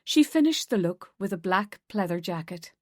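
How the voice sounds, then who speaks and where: Woman reading a thriller audiobook, steady and measured, dry close sound. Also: medium pitch, dry recording. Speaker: audiobook narrator. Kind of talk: scripted narration.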